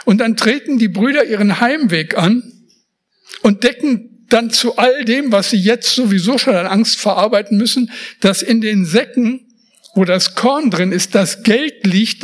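A man's voice: sits high, moderate pace. A man preaching a sermon, emphatic and speaking straight to his listeners with casual asides.

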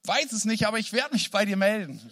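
A man's voice: high-pitched, lively intonation, fast, a bit bright, voice pushed up, full character voice. A man voicing a polite, puzzled pastor who answers a churchgoer. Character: puzzled friendly male pastor.

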